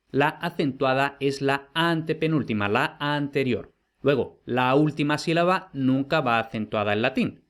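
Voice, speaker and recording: A man from Spain, explaining the rules step by step like a patient teacher. He speaks at a middle pitch, asks his viewers rhetorical questions and then answers them himself. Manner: clear, methodical, uses rhetorical questions. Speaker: Latin teacher. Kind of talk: explanatory online lesson.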